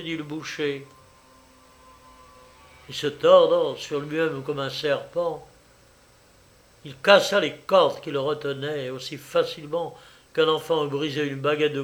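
A man narrating a story as an audiobook in a measured way. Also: fairly high pitch. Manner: slow, measured reading.

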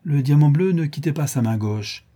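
A man voicing a male household servant who answers plainly, in a husky, mellow voice. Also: on the high side, expressive, normal speed, pitched above the performer's own voice. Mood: helpful.

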